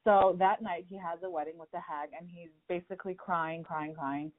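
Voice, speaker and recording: A woman's voice: on the low side, steady tone, moderate pace. Chatty woman host on a phone-like line. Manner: chatty, filler-heavy, storytelling. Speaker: podcast host. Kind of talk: casual interview chat. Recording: tinny phone-like sound.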